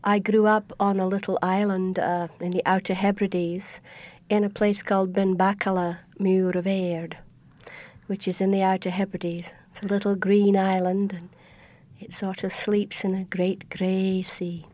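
An older woman with a Scottish accent, a guest on a radio interview, explaining things in a measured, storytelling way. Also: medium pitch, flat delivery, a little mellow. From Scotland. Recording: dull lo-fi radio recording.

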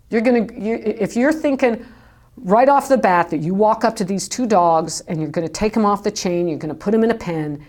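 Captured on home tape, this interview guest is a woman running a dog kennel, chatting informally with lots of fillers and false starts. She has a mid-range, slightly mellow voice.

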